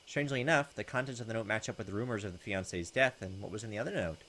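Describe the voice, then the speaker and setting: With a lowish, slightly bright voice and a rapid-fire delivery, a young man narrates a visual novel, dramatizing the game's text and breaking off for casual commentary. Video game music runs underneath, and there's slight background noise.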